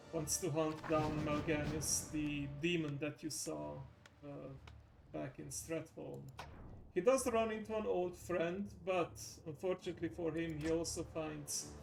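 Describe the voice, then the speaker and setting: A man giving casual, halting gameplay commentary as he recaps a game's story. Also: on the high side, steady tone, vocal fry, soft background music. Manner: halting, unhurried. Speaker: game streamer giving a lore recap.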